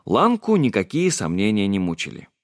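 Expressive male audiobook narrator. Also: lowish voice, normal speed, dry recording, studio quality. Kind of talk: audiobook reading.

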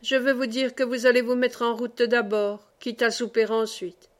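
A sly medieval informer speaks in a fawning, ingratiating way, as a woman reads him aloud. The voice sits fairly high. It is a storybook narration. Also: steady tone, moderate pace, lightly acted.

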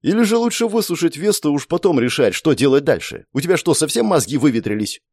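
A man voicing a sharp-tongued, sarcastic young woman who is quick to get irritated, in a storybook reading. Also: a little high, very animated, breathy edge, no echo, studio quality, pitched above the performer's own voice, heavily acted. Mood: sarcastic, irritable.

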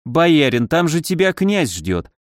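A man's voice: a little high, sing-song, normal speed, no echo, studio quality. A man voicing a jealous, hot-tempered young foreign woman who speaks sharply. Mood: indignant. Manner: sharp, indignant.

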